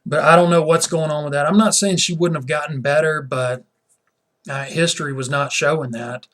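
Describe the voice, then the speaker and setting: A man's voice: a little high, fairly even intonation, normal speed, a bit bright. A man ranting indignantly in a vlog as a sports fan, often repeating his words. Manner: repeats words while talking.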